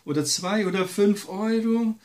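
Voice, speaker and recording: A man's voice: high voice, measured pace, a little mellow, voice pushed up. A man voicing a sly tempting male devil, coaxing and wheedling, in a raised voice.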